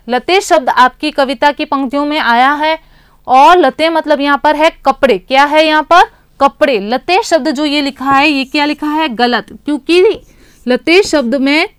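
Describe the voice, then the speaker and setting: A woman teaching a lesson to young children, asking questions and answering them herself, drawing words out slowly. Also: high-pitched, a bit bright, no room sound, clean studio sound.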